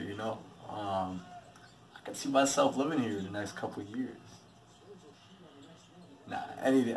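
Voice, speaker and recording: A man's voice: fairly low pitch, gravelly. A man vlogging casually to his phone camera, joking and talking straight to his viewers outdoors in a city. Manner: joking, laid-back, talks straight to viewers. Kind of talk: casual vlog talk to camera. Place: outdoors in a city, streets and park. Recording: noisy outdoor phone recording. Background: city traffic and street ambience.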